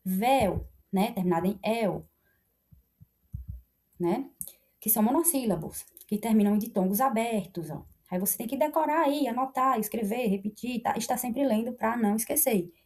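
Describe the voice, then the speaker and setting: A woman's voice: fairly high pitch, darkish tone. A woman teaching a grammar lesson, explaining step by step and often checking in with her students. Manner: explains slowly with many checks like "né?" and pointing "ó". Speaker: Portuguese language teacher.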